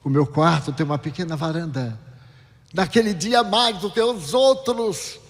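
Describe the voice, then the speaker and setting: A man with a Bahian Brazilian accent giving a spiritual lecture, telling a personal story with dramatic swings in voice. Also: measured pace. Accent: Brazilian Portuguese, Bahian. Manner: dramatic storyteller with big swings in pitch and loudness. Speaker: spiritist speaker. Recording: long reverb of a hall.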